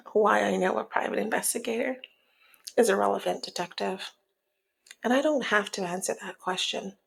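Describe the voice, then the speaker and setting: In an ASMR roleplay audio drama, a woman plays a teasing, dominant mob boss, sly and businesslike, with a slyly menacing, sultry edge. Her breathy, husky voice is medium in pitch and often drops to a whisper, at a moderate pace with long pauses.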